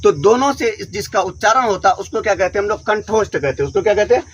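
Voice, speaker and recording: A man teaching a grammar lesson, who asks questions, answers them himself and sounds out letters slowly one by one. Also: sits high, slightly rough.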